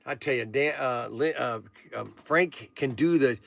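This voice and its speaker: A man's voice: medium pitch, a little slow, gravelly. A man in his sixties hosting a casual livestream, rambling and joking with viewers as he reads out their comments. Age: 60s. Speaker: livestream auction host.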